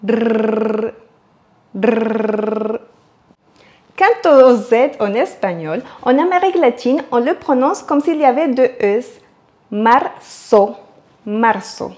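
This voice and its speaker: A woman giving a scripted language lesson, slowly sounding out words and repeating them for practice. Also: sits high, expressive, darkish tone. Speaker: Spanish teacher.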